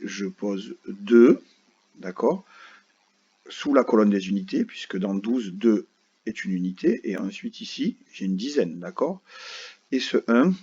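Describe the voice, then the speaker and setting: On a dull lo-fi recording, a male primary school teacher explains a math lesson to children with patience, going step by step and frequently asking "d'accord?" to make sure they're following. He has a lowish, warm voice with a breathy edge.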